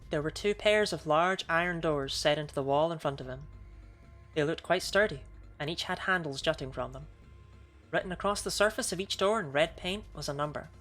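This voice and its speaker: A woman's voice: low voice, fairly quick, fairly bright tone, faint music behind. A woman streamer reading scripted story narration aloud during a game playthrough.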